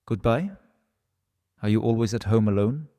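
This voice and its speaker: Man reading as a brooding Russian-accented man, mellow. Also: fairly low pitch, normal speed, natural voice. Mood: uneasy, feigned casual. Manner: exclamatory, hesitant self-talk. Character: agitated, self-loathing, brooding man in literary fiction.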